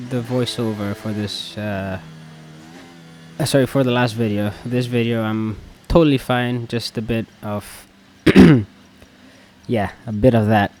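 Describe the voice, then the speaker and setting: A man's voice: medium pitch, darkish tone, a little hiss or hum. A man giving casual, rambling commentary over his own racing game, his voice still recovering from an illness and full of hesitant fillers. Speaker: gamer and video creator.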